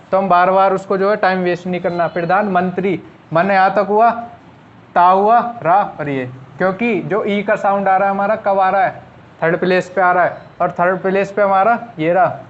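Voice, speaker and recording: A young man teaching a shorthand class online, explaining step by step and answering his own questions. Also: sits high. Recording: dull lo-fi sound.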